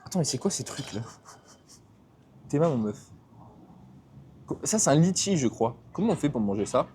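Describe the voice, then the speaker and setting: A man's voice: on the high side, sing-song, normal speed, darkish tone, slight background noise. A young man chatting casually in a travel vlog, rambling and slangy, filmed on a handheld camera at a hotel. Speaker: vlogger.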